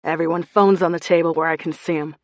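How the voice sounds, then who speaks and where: Cold armed female impostor, clipped and menacing, low voice, read by a woman. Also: fairly even intonation, quick pace, no echo, lightly acted. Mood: threatening. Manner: clipped, threatening.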